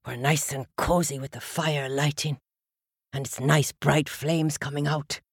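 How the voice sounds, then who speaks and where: A woman's voice: deep voice, steady tone, slightly rough, no room sound, clean studio sound, pitched below the performer's own voice, heavily acted. A woman voicing a sensible, good-natured male dog. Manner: plain, sensible and deliberate.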